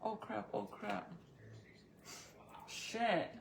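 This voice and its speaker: Extremely slow and gravelly, her medium-pitched voice holds a steady tone against background noise. She's a crafts-and-baking vlogger chatting informally with viewers, thinking aloud in a rambling manner, with a retainer slightly impeding her speech.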